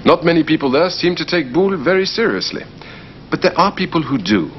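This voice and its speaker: A male presenter reads a measured documentary narration in a lively, varied pitch. The sound is dull and lo-fi, from an old broadcast recording with a faint hum underneath. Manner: measured explanatory delivery. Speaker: programme presenter.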